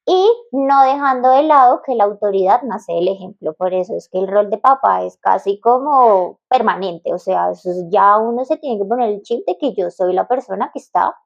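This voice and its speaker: A woman co-hosting a casual podcast conversation, explaining calmly and often chiming in with agreeing fillers. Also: medium pitch, moderate pace, creaky, few pauses, highs cut off. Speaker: podcast co-host.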